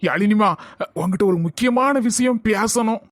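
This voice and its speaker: A woman voicing an aging, worried village father who pleads softly and near tears, in a cartoon comedy. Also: medium pitch, moderate pace, no room sound, clean studio sound, pitched below the performer's own voice, lightly acted. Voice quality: soft, pleading, tearful.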